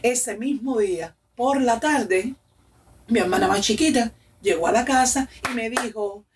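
A woman's voice: on the high side, a little slow, recorded from a distance, a little hiss or hum. A woman in her forties from Cuba, with a Cuban accent, giving a personal faith testimony in a fervent, emotional way and repeating phrases for emphasis. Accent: Cuban Spanish. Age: 40s. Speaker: church member giving testimony.

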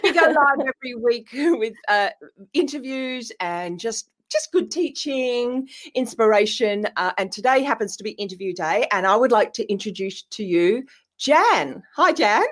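A woman hosting a casual live online interview, chatty and quick to laugh. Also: a little high, lively intonation. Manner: chatty, warm-hearted asides, laughs often. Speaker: interview host. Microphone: webcam on a video call.

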